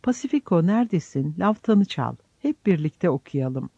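A man voicing a dying, gentle old friar who speaks in soft, solemn farewells, in a slightly dull lo-fi audiobook recording. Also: a little high, big pitch swings, moderate pace, creaky, slightly rough, no room sound, heavily acted. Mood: tender farewell.

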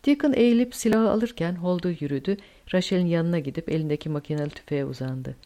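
A woman narrating a novel as an audiobook, measured and steady. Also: fairly low pitch.

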